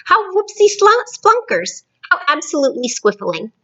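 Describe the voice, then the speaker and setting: Woman doing a gentle muddle-talking giant. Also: fairly high pitch, animated, moderate pace, muffled recording. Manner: gentle, jumbled made-up words. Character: big friendly male giant, muddled speech.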